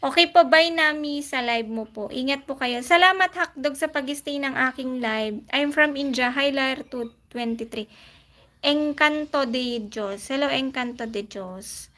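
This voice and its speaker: A woman with a high voice chats unhurriedly through a casual live stream. She greets viewers one by one and answers their comments, breaking into light laughs along the way. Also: unhurried, a bit bright.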